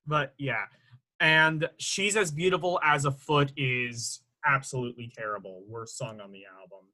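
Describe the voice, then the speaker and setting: A man's voice: medium pitch, moderate pace, pushed and bright, poor audio. A young man co-hosting a casual music review chat, rambling a little and hedging his takes with "in my opinion.". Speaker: podcast co-host.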